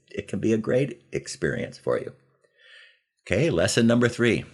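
An American podcast host in his seventies tells personal stories from a script in a folksy, conversational manner. His voice sits low and is gravelly, a little mellow, and slightly rough.

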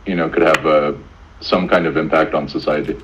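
A man's voice: a bass voice, fairly even intonation, brisk, fairly bright tone. A man hosting a podcast, asking hesitant questions between short acknowledgments. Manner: brief backchannels, hesitant questions. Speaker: podcast host. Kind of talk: casual interview. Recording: dull lo-fi sound.

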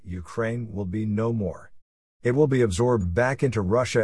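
A man reading scripted opinion commentary in the manner of an investigative news exposé, with a husky voice. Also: fairly low pitch, a little mellow, no room sound, studio quality.

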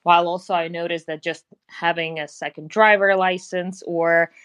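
A woman's voice: on the low side, fairly even intonation, moderate pace, a bit bright, clear, resonant tone, no room sound. A woman from Russia with a Russian accent, explaining things in a businesslike way as a podcast guest. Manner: explanatory, businesslike, some grammar slips. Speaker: guest, passport business founder. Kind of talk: conversational podcast interview.

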